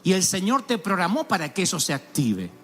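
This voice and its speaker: A man preaching a sermon as pastor, animated and storytelling, with sudden exclamations and voices put on for the people he describes. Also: high-pitched, a little fast. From Argentina. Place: large church auditorium.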